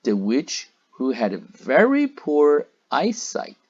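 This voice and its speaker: A man reads a storybook aloud for children, slowly and with a very animated pitch. He pauses often to explain words and point out pictures. The recording sounds dull and lo-fi. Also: husky.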